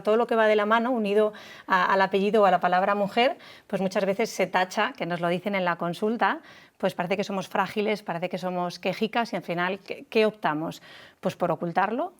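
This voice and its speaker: A woman doctor on a talk show, explaining in a measured way with some hesitant restarts. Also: mid-range voice. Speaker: guest, doctor.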